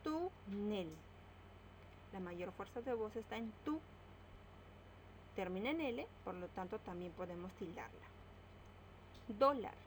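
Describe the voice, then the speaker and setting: A woman teaching a grammar lesson, slowly spelling out words and stressing each syllable. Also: medium pitch, expressive, a little mellow, a little hiss or hum, rough recording.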